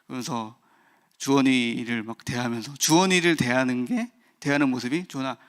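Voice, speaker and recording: A man's voice: mid-range voice, normal speed. A man in his thirties, a pastor giving an early-morning sermon, speaking candidly and personally with many fillers and restarts.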